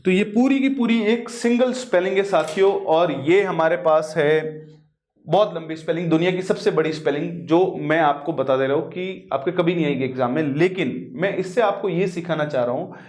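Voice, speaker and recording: A man gives a spoken lecture in a fairly high voice. He explains through examples and rhetorical questions and slips English words into his sentences. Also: moderate pace, darkish tone. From western Rajasthan, India. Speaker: teacher.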